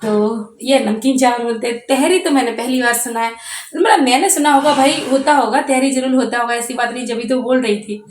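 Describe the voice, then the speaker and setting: A young woman talks straight to her viewers in a relaxed home vlog, wandering from one little story to the next with plenty of fillers. Her voice sits a little high. The room around her is echoey, like a bare kitchen at home. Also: fairly quick, a little hiss or hum. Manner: chatty, rambling storytelling with many fillers. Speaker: vlogger. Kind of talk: casual home vlog chat.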